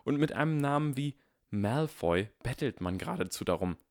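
A man's voice: medium pitch, animated, moderate pace, darkish tone, dry recording, studio quality, pitched above the performer's own voice, lightly acted. A man reading aloud and voicing a clever, smug boy wizard who talks in a teasing, self-assured way.

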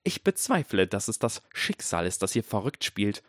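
A man's voice: fairly low pitch, very animated, moderate pace, a bit bright, dry recording, studio quality. A man voicing a tall, fearless older woman who speaks in an icy, scornful and pointed way. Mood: mocking.

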